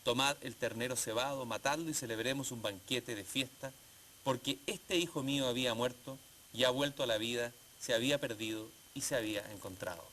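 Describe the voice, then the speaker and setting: Measured male host, faint hiss. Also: mid-range voice, pushed and bright. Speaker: TV program host. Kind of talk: interview hosting.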